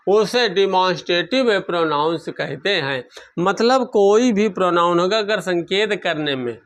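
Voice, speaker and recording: Slow high-voiced male grammar teacher. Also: fairly bright tone. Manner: asks questions and answers them himself, repeats key terms. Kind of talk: classroom grammar lesson.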